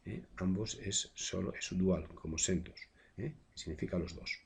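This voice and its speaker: Low, gravelly teacher, a man. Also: normal speed, slight background noise. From Spain. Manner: explains patiently with frequent "eh" fillers and tag questions. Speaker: secondary school language teacher. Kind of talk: recorded grammar lesson.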